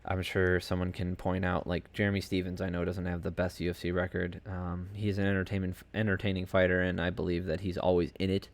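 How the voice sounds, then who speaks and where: Low-voiced man rambling about fights. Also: completely flat delivery, brisk, few pauses. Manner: rambling and chatty, heavy on fillers and asides. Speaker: podcast host. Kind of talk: casual solo commentary on fight results. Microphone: home desk setup.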